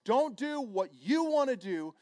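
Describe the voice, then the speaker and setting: A frantic young man pleads with a crowd, urgent and insistent, as a preacher acts him out. His voice climbs high and swings wildly as he begs. It is raised, desperate shouting. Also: lively intonation, fast, no echo, lightly acted. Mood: pleading. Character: young man screaming a desperate warning from a hilltop.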